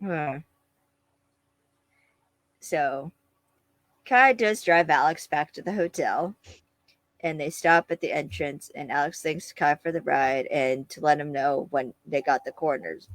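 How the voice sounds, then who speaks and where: A woman's voice: low-pitched, measured pace, no echo. A woman co-hosting a casual podcast, retelling a TV episode and acting out characters' lines. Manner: retells scenes, acts out lines. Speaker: podcast co-host. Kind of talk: casual episode recap chat.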